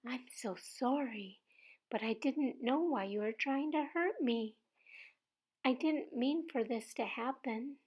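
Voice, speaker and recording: A woman's voice: lowish voice, fairly even intonation, a little slow, hardly any pauses, lightly acted. A woman voicing a frightened young bear cub in a children's story, pleading and crying out. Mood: sorry. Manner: pleading, cries out.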